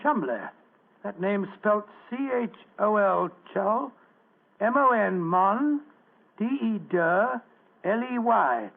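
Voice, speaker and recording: An actor playing an earnest, puzzled gentleman doctor in a radio drama, hesitant and bluff. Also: high voice, expressive, slow pace, creaky, exaggerated voice. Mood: puzzled, admiring. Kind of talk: classic radio drama acting. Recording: muffled lo-fi vintage-style radio recording.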